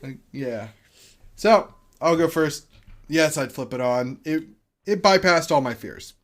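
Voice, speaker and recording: A man's voice: a little high, unhurried. A man co-hosting a movie podcast, rambling casually and swearing now and then. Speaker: podcast co-host.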